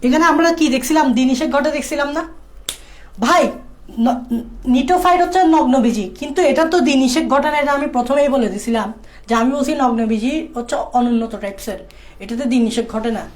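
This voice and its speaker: A woman with a high voice talks fast while tutoring biology for exams in a casual exam-prep lecture. She drills key points through repetition and checks that her students are following.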